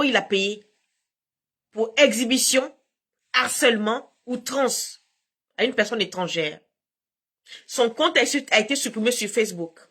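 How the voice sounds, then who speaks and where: Combative husky woman on a live stream. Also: a little high, fairly bright tone. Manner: combative, emphatic, with frequent laughs. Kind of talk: casual live-stream monologue. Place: at home.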